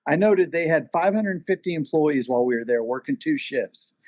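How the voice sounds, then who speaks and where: A man's voice: a little high, lively intonation, normal speed, darkish tone, no echo. A man hosting a casual interview conversation, rambling along with many fillers. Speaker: podcast host and magazine editor.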